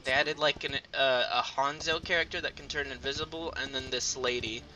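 A man chatting casually while playing a game, excitable, jokey and foul-mouthed. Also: medium pitch, brisk. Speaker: gamer. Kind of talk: casual game chat with goofy put-on voices. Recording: noisy game audio behind the voice. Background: game sounds.

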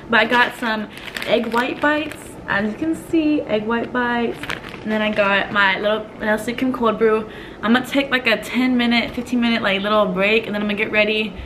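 A teenage girl talking casually to her viewers in a vlog, chatty and excited, filming herself on a handheld phone. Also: on the high side, a little hiss or hum. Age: late teens. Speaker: vlogger. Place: on the go, at home, in a car and at a friend's house. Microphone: handheld phone camera.

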